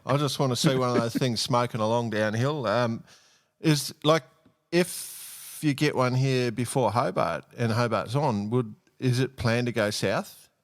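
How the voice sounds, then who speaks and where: A man's voice: medium pitch, a little slow. A man hosting a casual podcast chat in a blokey, matey way. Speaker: podcast host.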